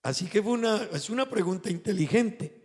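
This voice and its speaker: A man preaching a sermon in a church hall, retelling scripture scenes and slowing down to stress the quoted words. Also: sits high, expressive, darkish tone. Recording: long reverb of a church hall.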